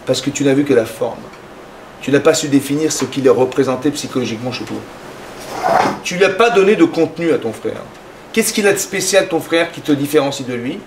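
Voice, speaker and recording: A man giving a lively sermon as a rabbi, acting out little dialogues in his talk. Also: fairly quick, background noise. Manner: animated, acts out dialogues with rising pitch.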